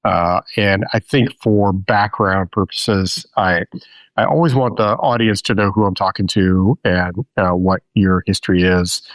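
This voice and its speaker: A man's voice: low-pitched, unhurried, no echo. A man hosting a podcast interview, chatty and friendly, with frequent uh fillers. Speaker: podcast host.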